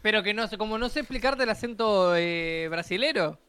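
A man from Uruguay with a Uruguayan accent, co-hosting a podcast in quick, emphatic, argumentative casual chat. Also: high voice, fairly bright tone, clean tone. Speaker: podcast co-host.

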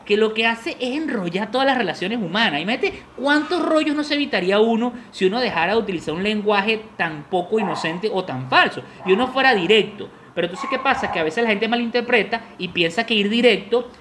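Animated Venezuelan man telling stories. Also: sits high, brisk, hardly any pauses, slight background noise. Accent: Venezuelan Spanish. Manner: animated storyteller acting out voices, laughs often. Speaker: podcast co-host. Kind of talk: casual chat.

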